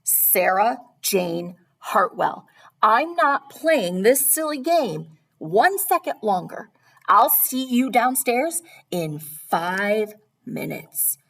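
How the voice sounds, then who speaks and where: A woman voicing a patient but firm father in a picture book, coaxing with deliberate emphasis. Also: mid-range voice, sing-song, slightly rough, pitched above the performer's own voice, exaggerated voice. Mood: exasperated.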